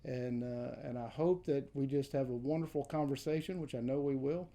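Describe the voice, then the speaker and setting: A man's voice: mid-range voice, moderate pace, mellow. A man hosting an interview show, effusive and welcoming toward his guest. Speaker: podcast host. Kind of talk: interview introduction.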